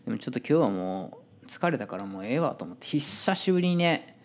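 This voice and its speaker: A man's voice: medium pitch, big pitch swings, brisk. A man with a Kansai Japanese accent telling a story in a casual, chatty monologue and acting out the voices of people he quotes.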